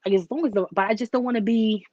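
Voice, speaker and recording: A woman chatting casually into the camera, telling an animated story full of "like" and asides. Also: a little high, quick pace, dry recording, muffled recording. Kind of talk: casual vlog chat.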